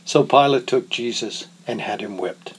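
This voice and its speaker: A man giving a measured, solemn reading of scripture. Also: medium pitch, slightly rough, low-quality recording. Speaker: scripture reader.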